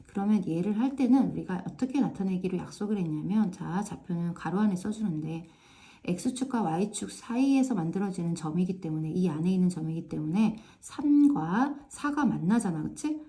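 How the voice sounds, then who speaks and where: Walking through the math one step at a time, this teacher speaks at a normal speed in a low, mellow, expressive voice. Her casual manner is punctuated by frequent "right?" checks and a recurring "ja" between steps.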